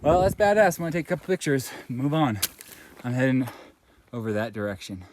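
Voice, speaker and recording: A man's voice: medium pitch, fairly quick. A man talking casually to his camera while hiking a mountain trail, rambling with lots of fillers, outdoors with rain and hail around him. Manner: relaxed, rambling, with many fillers. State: a little out of breath. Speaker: thru-hiker vlogger. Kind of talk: casual trail vlog narration. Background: light rain, wind and hail.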